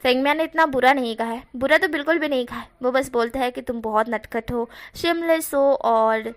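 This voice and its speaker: Brief: woman voicing fond teasing uncle, high light voice. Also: fairly quick, natural voice. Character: friendly middle-aged uncle, fond and joking.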